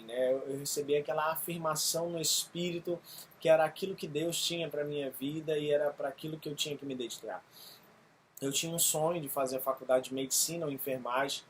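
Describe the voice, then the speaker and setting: 30s pastor, earnest and halting, lots of ums, slight background hiss. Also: male voice, on the high side. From Brazil. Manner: earnest, halting with frequent fillers. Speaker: missionary pastor. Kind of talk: testimony video.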